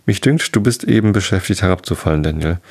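A man's voice: sits low, fast, a little mellow. A man voicing a brusque, condescending old male gander who leads a flock of wild geese, in a storybook reading. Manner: gruff, condescending.

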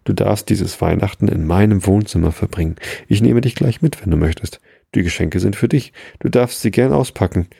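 Brief: kindly old Santa Claus, read by a man, jovial storybook voice, dark and husky, dry close recording. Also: fairly low pitch, a little fast, no echo, heavily acted. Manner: jovial, warmly explaining. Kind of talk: storybook reading.

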